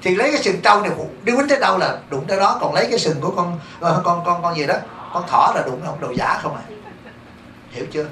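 Monk with a Southern Vietnamese accent, a male teacher preaching in a temple hall; high, quick delivery, echoey room, caught from a distant mic. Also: a little hiss or hum. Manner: lively, keeps asking the audience rhetorical questions. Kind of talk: dharma talk to a congregation.

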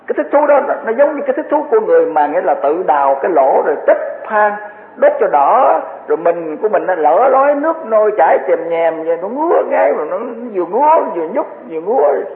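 A Buddhist dharma teacher with a high voice, big pitch swings, and a fast pace gives an earnest, repetitive sermon packed with vivid everyday examples. The recording sounds tinny and phone-like, echoing as if in a hall.

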